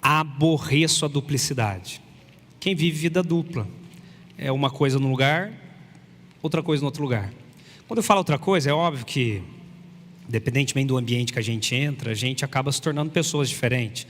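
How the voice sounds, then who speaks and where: A man's voice: mid-range voice, normal speed, fairly bright tone. A man preaching a sermon as pastor, animatedly acting out imagined dialogue with God. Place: church. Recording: long reverb of a church hall.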